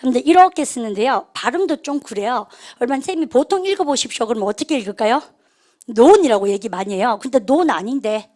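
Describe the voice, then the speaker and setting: A woman's voice: fairly high pitch, expressive, fast, a little mellow. A woman teaching an English grammar lecture, coaxing students to repeat phrases after her and asking little tag questions. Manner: mixes in playful tag questions.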